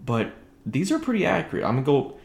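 This man's creaky, slightly mellow voice moves fast and swings hugely in pitch as he hosts a casual solo sports podcast. Speaking conversationally from an echoey room at home, he keeps quiet because it's late at night. The home recording sounds roomy and full of echo.

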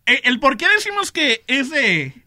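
Animated teasing Mexican woman host. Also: sits high, a little slow. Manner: teasing, animated, laughs often. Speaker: podcast host. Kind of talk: casual chat.

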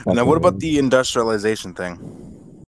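A man's voice: medium pitch, expressive, moderate pace, a little hiss or hum. A young man co-hosting a casual podcast, steering the chat and making crude, teasing jokes. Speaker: podcast co-host steering the talk.

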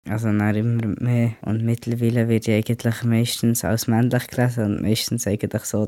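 A man's voice: mid-range voice, dark tone, no echo, clean studio sound. A young man who has a cold, hosting a casual solo podcast and rambling on with English words mixed in. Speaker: podcast host.

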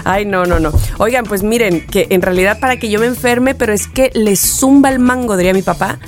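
Mexican woman telling a lively story. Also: medium pitch, a little fast, faint music behind. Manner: animated storyteller who acts out quotes. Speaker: podcast co-host and radio host. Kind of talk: casual chat, storytelling.

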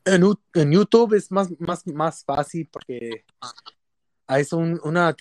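A Mexican man talks casually as a guest on a podcast. His Spanglish comes haltingly, with repeated words while he looks for the right one. His voice sits at a medium pitch in a dry recording. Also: a little mellow, dry recording. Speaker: podcast guest, boxer and musician. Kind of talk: casual bilingual podcast chat.

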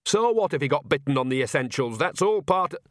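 A man puts on a cheerful old witch woman, blunt and homely, who teases the people around her. The voice sits a little higher than a plain male voice and the sound is dry and close, with no room around it. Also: animated, fairly quick, no echo, natural voice.

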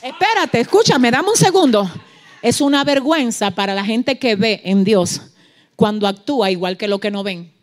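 Fervent high-voiced woman preacher. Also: expressive, normal speed. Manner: swings from soft asides to shouted, fervent peaks; acts out dialogue in quoted voices. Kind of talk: Pentecostal-style sermon.

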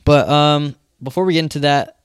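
A man's voice: on the high side, moderate pace, smooth, no echo, clean studio sound. A young American man hosting a podcast, chatting casually in slangy, sweary frat-bro talk. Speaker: podcast host. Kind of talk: casual chat.

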